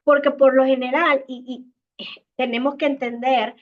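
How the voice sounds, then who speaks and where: A woman's voice: high-pitched, level tone, moderate pace, dull audio. A woman with a Salvadoran Spanish accent gives parenting advice in an online talk, speaking conversationally and acting out short dialogues between parents and children. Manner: warm conversational advice, acts out little dialogues.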